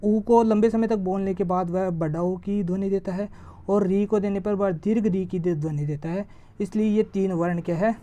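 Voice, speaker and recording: A woman teaching an exam-prep grammar lesson. She asks a question and answers it herself, and she draws vowel sounds out slowly to show them. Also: mid-range voice, steady tone, warm tone, lo-fi sound. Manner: stretches vowels slowly when demonstrating sounds.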